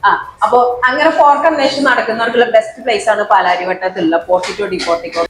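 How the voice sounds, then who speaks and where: Fast-talking Malayali woman mixing in English. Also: medium pitch, fairly even intonation, a bit bright. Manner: mixes English words and phrases into Malayalam. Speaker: food vlogger. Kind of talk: casual food vlog chat. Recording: roomy echo, faint music behind.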